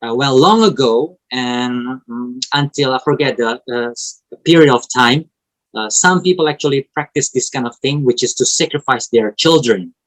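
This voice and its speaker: A native Indonesian speaker with an Indonesian accent, this male preacher teaches a Bible lesson to an online fellowship. His medium-pitched, slightly bright voice comes through poor audio, and his halting delivery is full of restarts and repeated "right?"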